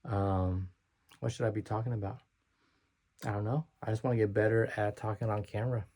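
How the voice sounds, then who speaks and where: A man vlogging unscripted to camera in a gravelly, husky voice with a mellow tone. He is hesitant and self-conscious, restarts often and slurs his words. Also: on the low side, steady tone, a little fast.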